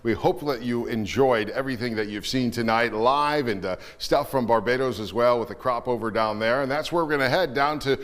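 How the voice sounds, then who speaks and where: A man anchoring a TV broadcast, handing over to the next segment in a smooth, scripted delivery. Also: mid-range voice, a little fast, hardly any pauses, fairly bright tone. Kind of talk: broadcast link.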